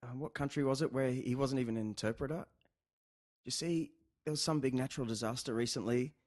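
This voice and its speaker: A man's voice: medium pitch, fairly quick, darkish tone, no echo, clean studio sound. An Australian man hosting a casual chat interview, talking in a rambling, joking and teasing way. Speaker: show host.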